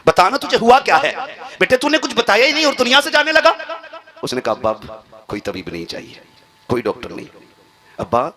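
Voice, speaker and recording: A male preacher telling an emotional story in a sermon, dropping to a hushed, tearful voice and then rising to impassioned cries. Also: mid-range voice. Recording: live gathering with audible crowd.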